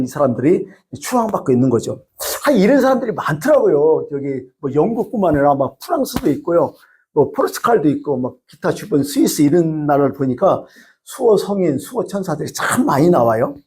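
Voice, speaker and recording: A male pastor preaching a sermon, telling stories and asking the congregation rhetorical questions. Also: on the high side. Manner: lively storytelling with rhetorical questions.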